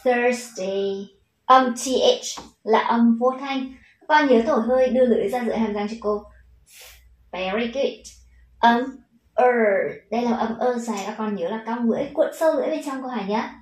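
A woman's voice: fairly high pitch, a little fast, echoey room, poor audio. A woman with a Vietnamese accent teaching children English pronunciation, patient and encouraging, stretching out the model words.

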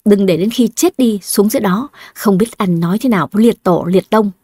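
A woman voicing a sharp-tongued, scheming older wife who nags her husband with cutting retorts. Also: medium pitch, breathy edge, no room sound, studio quality, natural voice. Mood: scornful. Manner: cutting, nagging, quick retorts.

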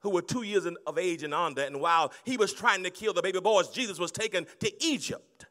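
A middle-aged pastor preaches into a handheld mic in a big banquet hall, swinging from hushed storytelling to loud shouting. His voice is high-pitched and his pace fairly quick.

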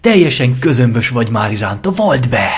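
A man's voice: medium pitch, very animated, breathy edge, voice pushed up. A man voicing a manipulative pony tempter who coaxes and pushes a friend toward a killing, in an audio fanfiction reading. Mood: insistent. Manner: coaxing, insistent, contemptuous. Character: scheming manipulative pony tempter, coaxing and cruel.

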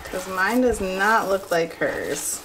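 Over loud music, a young woman lifestyle vlogger bakes along in her home kitchen, chatting casually, thinking out loud, and joking at her own expense. Her medium-pitched voice has lively intonation, and she takes it slowly. A camera records her from close range.

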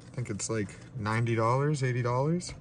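In a small room lit by a ring light, a young man with a stuffed-up nose opens trading card packs and talks through it casually, unscripted and a bit self-deprecating. His mid-range voice is a little fast, with slight background noise.

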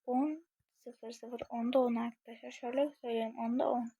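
A woman's voice: a little high, level tone, brisk, dark tone, breathy edge, no room sound. A young woman casually commenting on a game she is playing, chatting to her viewers and thinking aloud as she goes. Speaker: gaming channel creator.

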